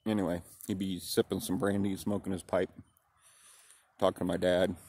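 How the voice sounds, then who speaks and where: A man in his fifties from the United States, slowly reminiscing in a rambling way that keeps circling back with "anyway", talking with a pipe in his mouth. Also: deep voice, flat delivery, darkish tone. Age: 50s. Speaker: pipe-smoking vlogger. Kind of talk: casual reminiscing monologue.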